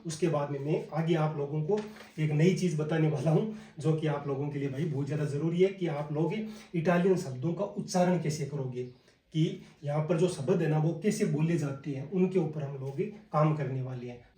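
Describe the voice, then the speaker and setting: A man with a Hindi accent teaching a casual spoken lesson, drilling words slowly one by one and calling his viewers brother. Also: on the high side, dark tone. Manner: slow and repetitive, drilling words one by one, addresses viewers as "bhai". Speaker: language teacher. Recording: echoey room, voice a bit far from the mic.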